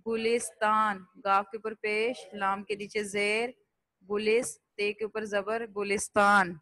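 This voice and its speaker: A woman teacher, reading words aloud slowly and repeating each one, spelling out the vowel marks for her pupils. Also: medium pitch, flat delivery, a bit bright, no echo, poor audio. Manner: slow, drilled repetition, spelling out vowel marks. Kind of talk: classroom lesson, reading word lists aloud.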